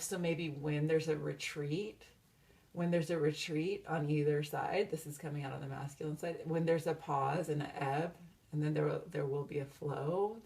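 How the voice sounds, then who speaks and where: Woman, tarot reader, casual, dreamy, meandering, fillers, gravelly, low. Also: a little mellow. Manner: self-described valley-girl talk. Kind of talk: casual spoken tarot reading.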